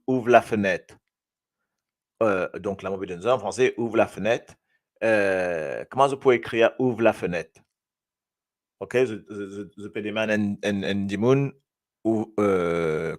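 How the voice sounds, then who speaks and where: A man from Mauritius, hosting a live show and reading viewers' comments aloud in a lively, chatty way. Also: fairly low pitch. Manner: lively, switching between French and Creole, reading comments aloud. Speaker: host.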